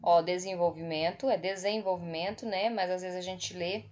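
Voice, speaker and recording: A Brazilian woman teacher giving a slow, patient online spelling lesson for children, repeating each word and checking in with the class as she marks them on screen. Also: fairly low pitch, fairly even intonation, darkish tone. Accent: Brazilian Portuguese.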